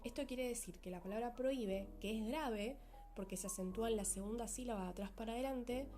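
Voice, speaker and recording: Methodical woman teacher, mellow voice. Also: a little high, soft background music. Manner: clear, methodical, slows to stress key words. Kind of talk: explaining a grammar lesson.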